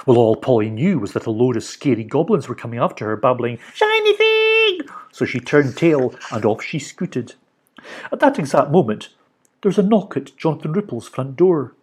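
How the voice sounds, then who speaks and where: A man reads a children's storybook aloud for a library audience. His delivery is animated and expressive, with a voice that rises and falls a lot. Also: mid-range voice, brisk, slightly rough. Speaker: library reader.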